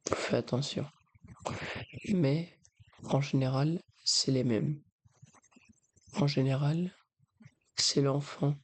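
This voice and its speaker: A man with a breathy voice, speaking softly in an ASMR style as he advises the listener. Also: medium pitch. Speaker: ASMR video creator. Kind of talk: soft-spoken ASMR, advising the listener directly.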